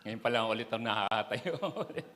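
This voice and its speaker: A man recovering from a cough gives a sermon in a halting, self-deprecating way, full of fillers. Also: on the low side, fairly bright tone, in a large hall. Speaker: church speaker. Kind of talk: Taglish sermon. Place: church hall.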